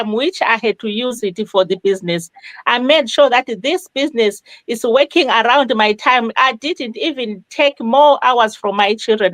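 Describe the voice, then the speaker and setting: A woman's voice: a little high, a bit bright, no echo. Woman hosting a live panel. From Zimbabwe. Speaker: host of a live online panel. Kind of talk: live motivational panel talk.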